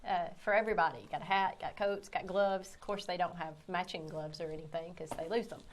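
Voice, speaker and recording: A woman's voice: on the low side, fairly even intonation, a little fast, slight background noise. Congested woman co-hosting a morning show. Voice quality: nasal, stuffed-up. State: congested with a cold. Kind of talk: casual co-hosted morning chat.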